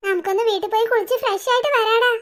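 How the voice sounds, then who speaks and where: A woman's voice: very high-pitched, rapid-fire. A woman voicing a timid young man in a cartoon who is scared of ghosts, nervous and whiny.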